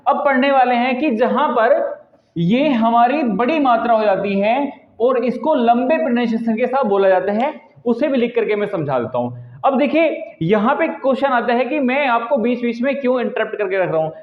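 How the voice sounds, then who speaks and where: A man's voice: very high voice, animated, normal speed. A man teaching a lesson to camera in a patient manner, often tagging his sentences with a checking "right?". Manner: patient, repeats "ठीक है ना" as a filler tag. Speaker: English teacher. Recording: echoey room, tinny phone-like sound.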